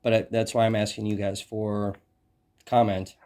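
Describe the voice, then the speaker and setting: An American independent journalist with a fairly low, level, darkish voice questions an official in a phone interview. His phrasing is halting and hesitant with repeated words, yet he stays persistent and challenging.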